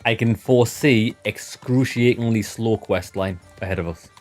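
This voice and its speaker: A man commentating casually on a live game stream. His voice sits a little low, with dry, wry asides over faint game music. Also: normal speed, darkish tone.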